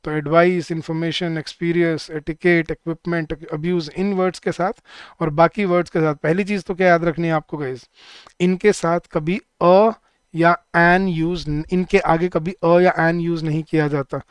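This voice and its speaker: A man teaching a live online class for bank exam students, speaking Hindi, repeating each word slowly and drilling the rules, with words said. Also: on the high side, fairly even intonation, clean tone, dry recording.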